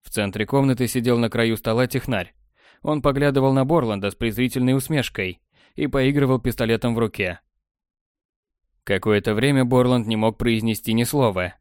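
Steady male audiobook reader, mid-range voice, recorded dry and close. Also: medium pitch, clean tone, dry recording. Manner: even, measured storytelling. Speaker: audiobook narrator. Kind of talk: scripted narration. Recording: dry close studio sound.

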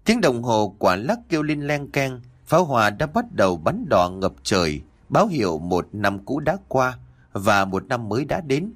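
A man reading a ghost story aloud as a storyteller, in a dramatic, expressive style. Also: mid-range voice, moderate pace. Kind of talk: scripted narration of a ghost story.

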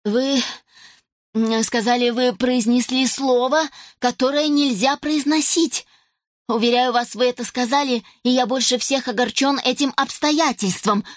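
A woman voicing a cruel, pompous old male judge in a storybook reading, with a fawning, flattering manner. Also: mid-range voice, moderate pace, dry recording, studio quality, lightly acted.

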